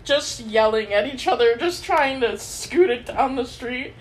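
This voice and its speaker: A woman's voice: on the high side, lively intonation, measured pace, poor audio. A woman co-hosting a casual podcast chat, blunt, swearing freely and laughing often. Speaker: podcast co-host.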